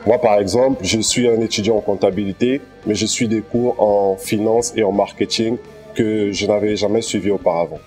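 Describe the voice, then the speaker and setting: Low, mellow young man from Cameroon. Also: steady tone, moderate pace, faint music behind. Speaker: student. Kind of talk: student testimonial.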